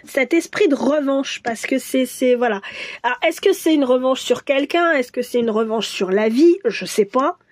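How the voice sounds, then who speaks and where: A woman doing a casual tarot reading for viewers, musing and hesitant, with many restarts and soft asides. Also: sits high, normal speed. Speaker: tarot reader.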